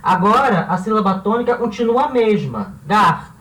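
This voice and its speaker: A man's voice: sits high, lively intonation, moderate pace, a bit bright. A man teaching a grammar lesson, explaining step by step and asking rhetorical questions as he goes. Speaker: Spanish teacher. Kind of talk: classroom-style grammar lesson. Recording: roomy, slightly distant mic.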